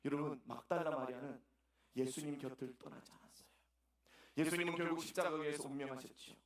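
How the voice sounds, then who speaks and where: A man's voice: fairly high pitch, fairly even intonation, fast, heavy reverb. Man, pastor, sermon, emphatic, repeats words, church, distant mic. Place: church sanctuary.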